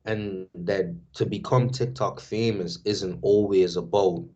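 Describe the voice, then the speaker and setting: A man's voice: deep voice, steady tone, measured pace, a little mellow. A Bermudian man guesting on a talk show, chatting in a loose, street-casual way. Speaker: guest, DJ and culture worker. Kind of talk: casual podcast chat. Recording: dull lo-fi sound.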